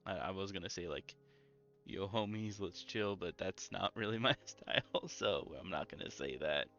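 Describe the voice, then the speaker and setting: A young man streaming a game in a calm, low-energy, mellow way, full of ums and easy asides. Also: moderate pace, creaky. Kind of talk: casual gameplay stream chat. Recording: slightly muffled lo-fi audio with faint music.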